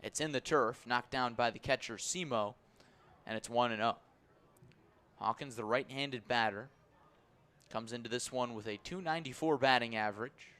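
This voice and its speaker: Calling baseball live for radio, the male play-by-play man stays even-toned between pitches and gets worked up whenever there's a big play.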